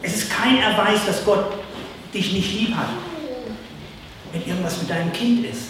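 A man preaching a sermon, earnest and emphatic, slowly repeating his key phrases for the congregation. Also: sits high, background noise. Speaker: pastor. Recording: echoey distant hall recording.

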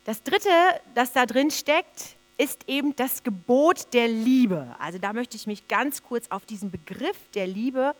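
A woman's voice: on the high side, expressive, unhurried, few pauses. A woman preaching a sermon, earnest and emphatic, repeating phrases for stress.

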